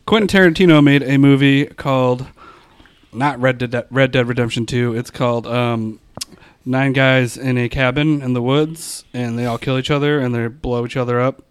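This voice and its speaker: A man's voice: medium pitch, fairly even intonation, normal speed, smooth, no room sound. A man hosting a podcast in a home garage, chatting casually with crude, joking, profane humor. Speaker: podcast host. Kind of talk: casual comedic chat.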